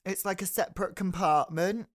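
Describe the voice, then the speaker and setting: A man's voice: high voice, moderate pace, a little hiss or hum. A young British man co-hosting a casual comic podcast, chatting in a rambling, enthusiastic, giggly way. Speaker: podcast co-host.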